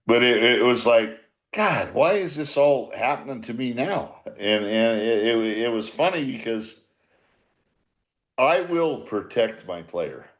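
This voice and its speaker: This former baseball manager, now in his sixties, speaks slowly and expressively in a mid-range voice. He's swapping old stories on a group podcast, wandering and repeating himself with a blunt, salty edge.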